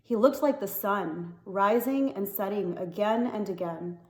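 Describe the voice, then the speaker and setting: Woman calmly reading a story aloud. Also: mid-range voice, unhurried, reverberant. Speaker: reader. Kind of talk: reading a children's novel aloud.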